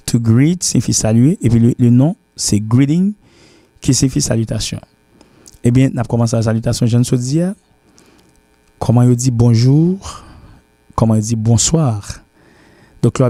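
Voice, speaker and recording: Man, English teacher, warm mellow voice, dry close sound, repeats and spells words aloud. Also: mid-range voice, no echo. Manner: repetitive, spells words letter by letter. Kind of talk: language lesson.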